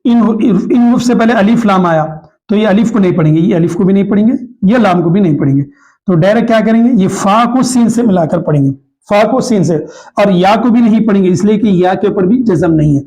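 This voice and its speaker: A man with a Hyderabadi Urdu accent teaching a tajweed lesson, repeating each rule and slowly drawing out the Arabic example words. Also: high voice, warm tone. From Hyderabad, India. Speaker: Quran recitation teacher. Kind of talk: tajweed lesson, explaining rules.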